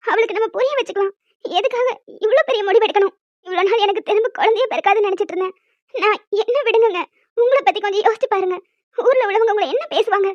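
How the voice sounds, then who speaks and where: An earnest young wife, voiced by a woman, pleading gently at a very high pitch. Her voice is squeaky and childlike. The recording is dry and dull, with faint music. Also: fast talker, no room sound.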